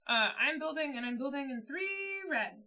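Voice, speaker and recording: A woman's voice: high voice, moderate pace, pushed and bright. A woman streaming a board game, chatting casually and thinking aloud as she plays.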